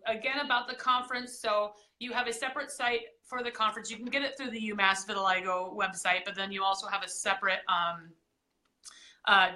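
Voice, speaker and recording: A woman's voice: mid-range voice, pushed and bright. A woman hosting an online interview, friendly and casual, with lots of "um" fillers over a video call.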